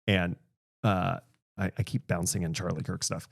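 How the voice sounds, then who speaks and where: A man's voice: sits low, little pitch movement, normal speed, gravelly, no echo, clean studio sound. A man in his thirties, a podcast host talking candidly in casual conversation and laughing often.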